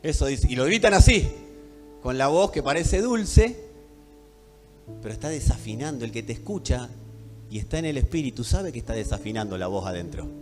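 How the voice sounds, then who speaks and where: A pastor from Buenos Aires, Argentina, with a Rioplatense Spanish accent, preaches emphatically and speaks directly to the congregation, swinging from hushed tones to loud ones. His voice is medium-pitched and very animated at a normal speed, recorded in an echoey hall with faint music.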